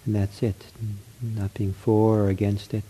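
Very mellow, gentle man guiding meditation. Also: fairly low pitch, level tone, poor audio. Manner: gentle, accepting, counselor-like reassurance; unhurried, spoken in short spaced phrases. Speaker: meditation teacher leading a guided sitting. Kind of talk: guided mindfulness meditation.

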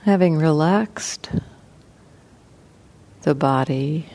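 In a deep voice, a woman teaches guided meditation, unhurried and gentle, with long silences between brief phrases.

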